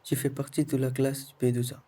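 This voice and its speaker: Teenage boy reading narration, very dark flat voice. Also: medium pitch, moderate pace. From Sri Lanka. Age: teens. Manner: calm, careful reading, short phrases. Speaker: student narrator of a school film. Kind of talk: scripted voice-over narration.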